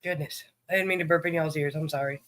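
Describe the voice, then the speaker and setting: Bright, high-voiced man chatting. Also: fairly even intonation, fast. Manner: chatty, greets viewers by name. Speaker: livestream host. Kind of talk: casual livestream chat.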